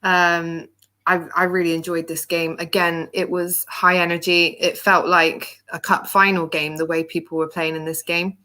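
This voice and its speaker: A woman's voice: on the low side, little pitch movement, normal speed, pushed and bright. A woman hosting a casual football discussion panel, chatty, with frequent ums and restarts. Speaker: panel host.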